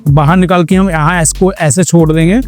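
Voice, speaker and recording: A motorcycle vlogger and tutorial host narrates a casual hands-on how-to step by step, mixing in English words. His fairly high, steady, slightly mellow voice moves briskly, with faint music in the background.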